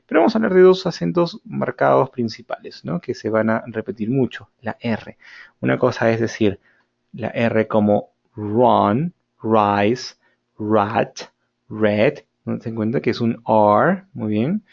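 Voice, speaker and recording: A male English teacher explaining grammar and pronunciation in a recorded lesson, switching between Spanish and English, slowing down to model words and often checking in with "ok?". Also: medium pitch, animated, gravelly, darkish tone, breathy edge. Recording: dull lo-fi recording.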